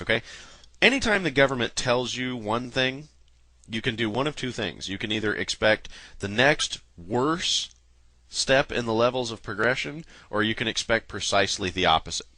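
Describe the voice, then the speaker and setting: A man rants straight into the mic, angry, sarcastic and swearing freely. His voice is bright and cutting, with a lowish pitch, and the recording is dry and close with no room sound. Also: no room sound. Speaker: political commentary video host. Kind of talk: angry political rant to camera.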